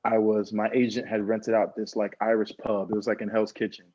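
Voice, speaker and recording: Earnest young man with a flat, low voice. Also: brisk, no room sound. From United States. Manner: earnest, reflective, repeats phrases, says "bro" and "man". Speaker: guest, pro football player. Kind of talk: casual interview storytelling. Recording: dull, lo-fi dry sound.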